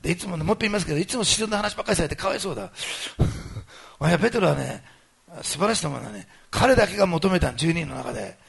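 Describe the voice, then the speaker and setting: A male pastor preaching with a gravelly, husky voice and a lot of rise and fall. He talks quickly and tells the story animatedly, jumping from loud bursts to hushed asides. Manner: animated storytelling, swinging between loud exclamations and low asides. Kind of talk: sermon.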